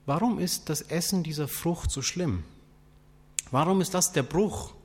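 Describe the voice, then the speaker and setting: A man preaching a sermon, asking rhetorical questions in a deliberate, questioning way. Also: a little high, darkish tone, breathy edge. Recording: long hall reverb.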